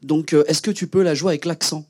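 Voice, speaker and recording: A young adult man, a guest actor on a panel, telling stories in a relaxed, slangy way. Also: on the high side, fast. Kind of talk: casual panel talk.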